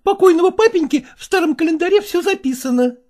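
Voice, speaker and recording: A woman's voice: very high-pitched, lively intonation, quick pace, a little mellow. A woman reading a story aloud, voicing a petulant, insistent unmarried elder daughter. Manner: whiny, insistent.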